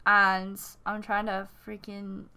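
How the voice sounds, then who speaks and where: Bright, excitable woman co-hosting a podcast. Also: mid-range voice, takes it slowly, clean tone. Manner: excitable, laughs often, talks over others. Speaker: podcast co-host. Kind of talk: casual gaming chat.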